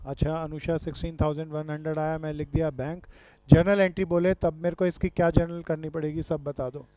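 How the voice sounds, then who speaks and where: High clear-voiced man teaching accounts. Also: flat delivery, brisk, warm tone, no echo. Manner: quizzing students, calls them dear friends and brother. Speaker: commerce teacher. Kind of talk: classroom lecture with questions to students. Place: classroom. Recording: dull lo-fi sound.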